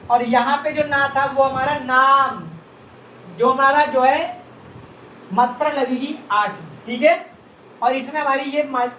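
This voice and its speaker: A man's voice: very high-pitched, a bit bright, slight background noise. A man teaching a beginners' Japanese script lesson, asking a question and answering it himself, repeating each sound patiently. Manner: slow, patient explaining. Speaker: language teacher. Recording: echoey room, distant mic, faint ambience.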